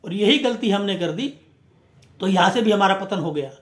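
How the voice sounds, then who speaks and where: A man with a high voice delivers a fiery, emphatic speech, leaning on rhetorical questions and repeated phrases. The sound rings with the echo of the room. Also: normal speed, a bit bright. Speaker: movement speaker. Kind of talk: impassioned speech. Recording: echoey room.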